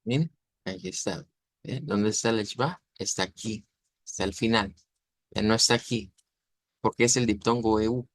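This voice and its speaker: This Latin American man, speaking on the low side at a moderate pace with long pauses, gives an online lesson on pronunciation. There's no room sound. He's patient in his explanations and keeps making sure the students keep up.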